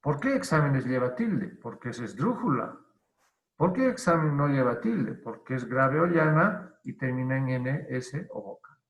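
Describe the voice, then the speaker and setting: A male teacher giving an online grammar lesson, who explains deliberately, repeats key terms and asks and answers his own questions. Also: mid-range voice, very animated. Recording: roomy, dull lo-fi online class audio.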